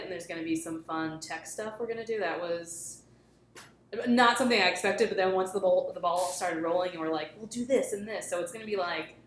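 A woman's voice: lowish voice, slight background noise. Rambling young woman, echoey room. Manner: rambling, many fillers and restarts. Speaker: improv show organizer and co-host. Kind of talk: casual chat.

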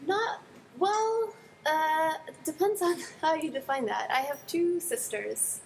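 Young belgian woman, dutch is her first language, slightly high voice, faint hiss behind. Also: slow, vocal fry, low-quality recording. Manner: thoughtful, fluent, laughs softly. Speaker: guest improviser. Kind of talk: casual interview.

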